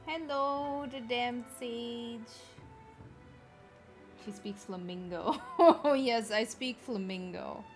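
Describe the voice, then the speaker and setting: A Belgian woman whose first language is Dutch speaks with a Flemish accent, casually chatting with and greeting her live-stream viewers while she plays. Her voice is fairly high and unhurried, with faint music in the background.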